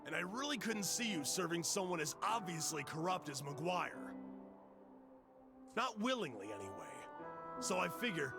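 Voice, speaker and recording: A loud, boastful young brawler. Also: male voice, high voice, very animated, normal speed, music in the background, voice pushed up. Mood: stern. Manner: loud, boastful, shouting bursts. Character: boisterous burly young male brawler, proud and loyal. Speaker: streamer voicing a game character. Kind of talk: dramatic reading of game dialogue.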